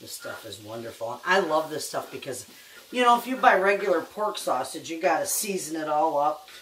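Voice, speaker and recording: A woman's voice: low voice, expressive, moderate pace, a bit bright. An older woman giving a casual, folksy cooking demonstration as she works in her home kitchen, talking to a camera a few feet away. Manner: homespun, chatty, folksy kitchen talk. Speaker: home cook, cooking show host. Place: home kitchen, indoors at the stove. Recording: echoey kitchen, distant mic, background noise.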